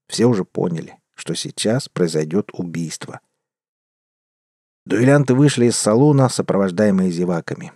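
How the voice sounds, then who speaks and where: A man narrating a story in a measured, wry manner as an audiobook. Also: fairly low pitch, mellow, dry recording, studio quality.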